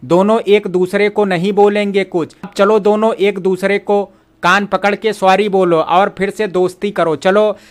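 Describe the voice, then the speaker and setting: A man's voice: high-pitched, fairly even intonation, a little slow. A man voicing a kind, patient grandfather who coaxes and soothes a child in an audio story. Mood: firm. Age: older. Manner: soothing, coaxing. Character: gentle doting grandfather.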